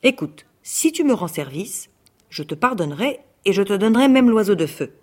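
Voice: mid-range voice, big pitch swings, moderate pace. A reader doing a reproachful old tsar. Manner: shouting then reproachful. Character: angry reproachful tsar, older man. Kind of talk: read-aloud fairy tale.

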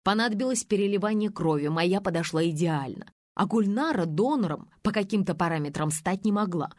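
A woman reading an audiobook, voicing a rich, smug, dismissive businessman in a lowered drawl. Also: lively intonation, fairly quick, dry recording, clean studio sound, natural voice.

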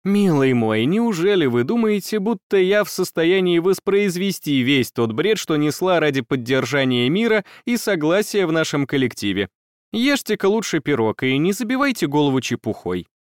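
A male audiobook narrator voicing a kind young woman schoolteacher who teases gently and talks briskly, in a lifted voice. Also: fairly high pitch, very animated, clear, resonant tone, no echo, studio quality, pitched above the performer's own voice. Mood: dismissive. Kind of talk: audiobook character voice.

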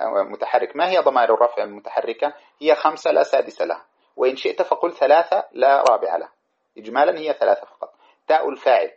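A man's voice: mid-range voice, gravelly. A man teaching a lesson on a grammar poem, reciting verses and then explaining them with many examples. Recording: dull lo-fi recording.

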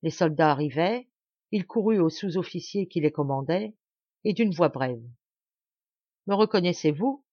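A woman reading a classic novel aloud as an audiobook, narrating in a measured, clear way. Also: low voice, lively intonation, dry recording, lo-fi sound. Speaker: audiobook reader.

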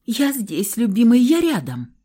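Woman voicing a shrill, frantic young heroine. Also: wildly swooping pitch, measured pace, warm tone, slightly rough, full character voice. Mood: desperate. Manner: shrill, outbursts of hysterics. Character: hot-tempered young woman, frantic and stubborn. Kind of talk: audiobook role reading.

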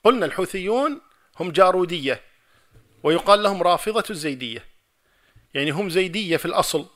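A man delivers a religious lecture in a high, bright voice and talks at a brisk pace. He acts out a past debate as back-and-forth dialogue, stacking one forceful, repeated line on top of another. Between these runs he answers questions from the audience. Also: expressive. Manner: emphatic, retells a debate in dialogue and builds to forceful repeated points. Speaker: Islamic scholar giving a lecture.

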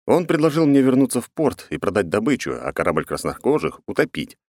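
A man narrating a first-person audiobook in a sardonic, deadpan manner. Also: medium pitch, fairly quick, no echo, clean studio sound.

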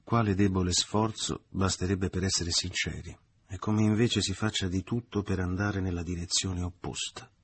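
A man reading aloud in the part of a cold, disgusted young man, flat and inward. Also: sits low, normal speed, husky. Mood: brooding.

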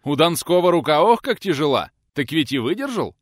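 An audiobook narrator voicing a hearty medieval male warrior who exclaims loudly in admiration. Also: fairly high pitch, sing-song, a little fast, no room sound, studio quality, pitched above the performer's own voice. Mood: admiring. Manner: loud, exclaiming.

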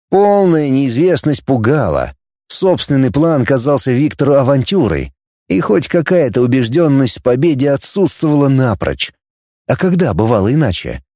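Brief: male narrator, animated inflection, dry close sound. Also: medium pitch, normal speed, dry recording. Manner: expressive, lively reading. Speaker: audiobook narrator. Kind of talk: scripted narration.

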